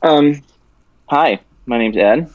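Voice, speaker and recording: A young man from Venezuela, talking casually and joking as a guest artist, loose and relaxed, with the odd swear word. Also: mid-range voice, slow. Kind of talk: casual interview chat. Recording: dull, dry audio.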